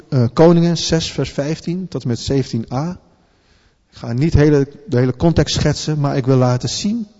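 A man's voice: mid-range voice, mellow. Earnest preacher man in a reverberant hall. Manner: earnest, halting, restarts words often. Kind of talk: sermon. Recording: long hall reverb, dull lo-fi sound.

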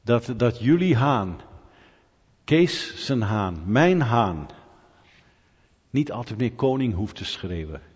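A middle-aged man preaching a conversational sermon, asking rhetorical questions and building to animated emphasis. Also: medium pitch, takes it slowly, pauses often, husky. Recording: dull hall reverb.

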